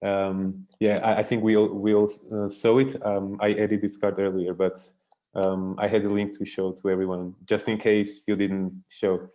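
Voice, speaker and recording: A soft-spoken man leading a video call meeting, hesitant and full of fillers. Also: on the low side, level tone, normal speed. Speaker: meeting facilitator.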